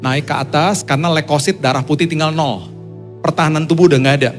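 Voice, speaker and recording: A male pastor tells his testimony in a sermon, storytelling dramatically and letting his voice climb high when excited. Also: fast talker, faint music behind.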